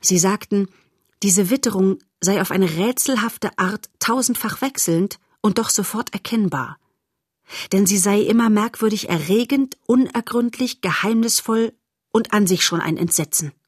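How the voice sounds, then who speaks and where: A woman reading a children's novel aloud as narrator, in a steady, expressive storytelling manner. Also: medium pitch, normal speed, breathy edge, no echo, studio quality.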